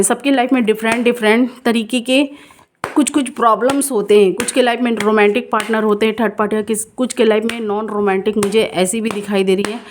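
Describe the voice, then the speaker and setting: A woman doing a casual, reassuring tarot reading for viewers, repeating herself and mixing in English words. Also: medium pitch. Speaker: tarot card reader.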